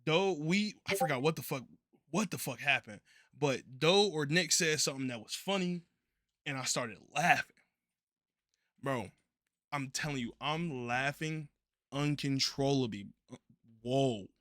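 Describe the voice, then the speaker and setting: A man's voice: fairly high pitch, animated, normal speed, pauses often, pushed and bright, no room sound, clean studio sound. A young man telling a story in a casual, laid-back way, full of profane slang.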